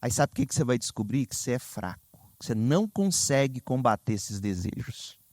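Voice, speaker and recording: A Brazilian man preaching a sermon as pastor, telling stories with lively, sudden high exclamations. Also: a little fast, no echo. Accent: Brazilian Portuguese. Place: church sanctuary.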